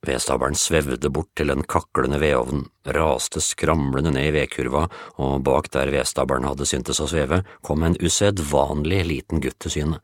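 A man's voice: a bass voice, fairly even intonation, few pauses, dry recording, clean studio sound. A man narrating a children's story in a playful storytelling cadence. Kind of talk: scripted audiobook narration.

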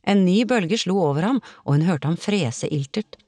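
A woman narrating a novel in an expressive, dramatic audiobook reading. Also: on the low side, dry recording, studio quality.

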